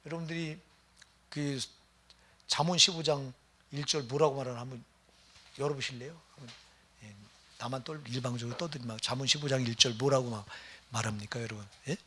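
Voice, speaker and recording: A man's voice: medium pitch, steady tone, brisk, pauses often, pushed and bright, a little hiss or hum. A middle-aged man, a pastor, preaching a sermon in a conversational way and often putting questions to the congregation. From Gyeonggi Province, Korea.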